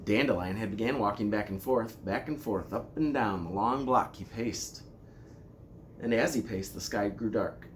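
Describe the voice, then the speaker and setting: An elementary school principal reads a children's story aloud in a fairly low voice. He's deliberate and expressive, with noticeable noise in the background.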